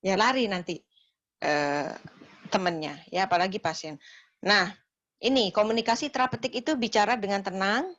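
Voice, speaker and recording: A woman lecturing nursing students in a classroom, explaining calmly and acting out short nurse-patient dialogues. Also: medium pitch, moderate pace, long pauses, lo-fi sound.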